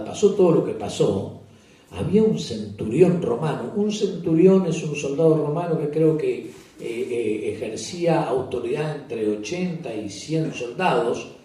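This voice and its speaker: A man's voice: mid-range voice, dark tone. A man, a pastor telling a sermon story and asking the congregation questions. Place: church retreat service. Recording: echoey church hall, distant mic.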